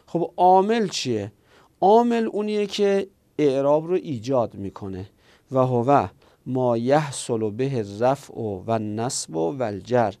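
A man's voice: medium pitch, expressive, warm tone. A man teaching Arabic grammar in Persian, working through each rule step by step and asking questions that he answers himself. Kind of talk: explanatory lesson.

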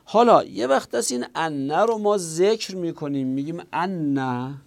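A man with a gravelly, slightly raised voice delivers an explanatory grammar lecture. He asks questions aloud and answers them himself, leaning hard on the key words. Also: sits high, expressive. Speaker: teacher.

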